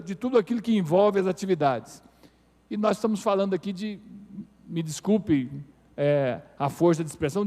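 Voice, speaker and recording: A man's voice: high-pitched, a little mellow. A middle-aged man, a university rector, giving a formal and earnest speech with hesitant restarts at a city council tribune. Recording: reverberant council chamber.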